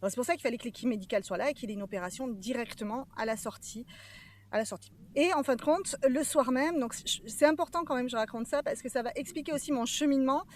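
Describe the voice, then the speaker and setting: A woman giving a personal testimony as a podcast guest, earnest and emotionally charged, often pausing to search for words. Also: on the high side, slight background noise.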